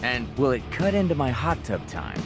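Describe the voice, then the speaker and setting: A man's voice: medium pitch, sing-song, normal speed, close to an everyday voice. Man acting Iron Man, glib American superhero. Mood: sardonic, glib. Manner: sardonic, glib. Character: flippant, self-assured rich male superhero. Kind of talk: video game cutscene acting. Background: cinematic game music.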